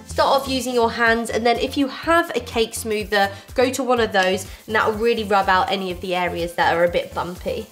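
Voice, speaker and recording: A woman's voice: medium pitch, fairly even intonation, fairly quick, hardly any pauses, fairly bright tone, faint music behind. Reassuring young woman teaching baking. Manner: friendly, reassuring instructions. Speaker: baking show host. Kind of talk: step-by-step baking tutorial. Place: home kitchen with fairy lights.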